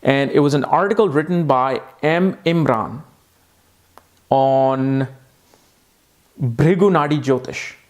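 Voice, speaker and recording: A man's voice: mid-range voice, takes it slowly, pauses often. A man giving an explanatory video lesson on astrology, emphatic and enthusiastic, repeating points for emphasis. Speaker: astrology teacher.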